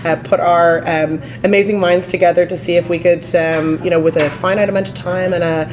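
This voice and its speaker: A woman with a hoarse, croaky frog voice from a touch of flu, talking haltingly and thoughtfully as a guest in a casual interview. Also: fairly low pitch, fairly even intonation, noisy background. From Canada. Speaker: interview guest, credit union employee. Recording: busy conference chatter behind. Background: crowd at a conference.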